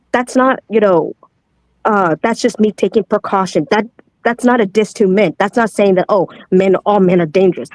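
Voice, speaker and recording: A woman's voice: mid-range voice, darkish tone, no echo, low-quality recording. A hesitant woman on a dry mic. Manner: hesitant, full of fillers. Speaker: panelist on a stream. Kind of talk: casual online debate chat.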